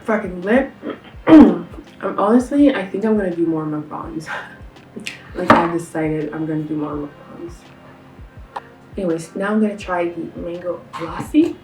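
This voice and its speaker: A woman's voice: lowish voice, moderate pace, long pauses, a little mellow, soft background music. A young woman from Canada in a casual food-tasting vlog, chatty and enthusiastic, with lots of fillers and slang. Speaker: vlogger. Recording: roomy sound, a bit far from the mic.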